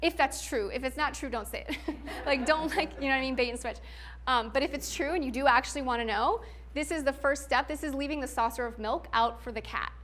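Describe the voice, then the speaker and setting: A woman's voice: high voice, brisk, fairly bright tone, slight background noise. A young adult woman giving a candid talk, frank and chatty, full of "like" and "um" fillers, laughing often.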